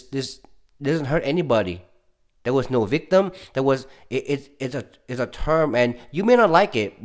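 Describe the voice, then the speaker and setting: A man from California talking casually and rambling through his opinions, stammering often and growing insistent. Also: mid-range voice. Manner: rambling, with frequent restarts and stammers; gets heated and insistent. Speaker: political commentary YouTuber.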